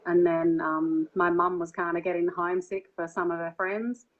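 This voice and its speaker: Low, flat-voiced Australian woman guest. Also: moderate pace, narrow, tinny audio. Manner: relaxed storytelling with fillers. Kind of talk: casual interview conversation.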